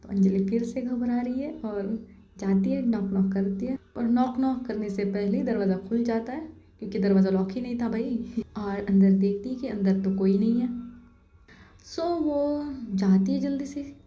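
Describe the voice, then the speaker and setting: A woman's voice: fairly high pitch, normal speed, warm tone. A woman narrating a story in a chatty, casual way, with slangy asides to her listeners. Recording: dull, roomy lo-fi recording.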